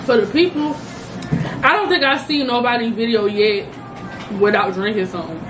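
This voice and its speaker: High-voiced young woman burning from spicy food. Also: moderate pace, music in the background, poor audio. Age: young adult. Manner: slangy, profane. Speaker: food challenge vlogger. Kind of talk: casual chat while eating spicy wings. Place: indoor dining room at home.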